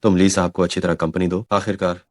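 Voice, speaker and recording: An actor playing a cold, scornful rich young master in a Hindi drama dub. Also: male voice, sits low, flat delivery, fast, a little hiss or hum, close to an everyday voice.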